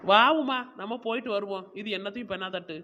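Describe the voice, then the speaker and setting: Woman voicing a blunt sarcastic village woman, high voice, kinda dull recording w faint hiss. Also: fast talker, sharp tone, close to an everyday voice. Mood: mocking. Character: sharp-tongued no-nonsense village woman.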